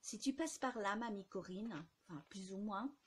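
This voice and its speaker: A woman talks through her shopping haul in a loose, chatty vlog style, pausing often on fillers and stumbling over product names. Her voice sits at an ordinary middle pitch, with a faint noise in the background. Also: expressive. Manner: chatty, hesitant, many fillers; unsure when pronouncing product names. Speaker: vlogger.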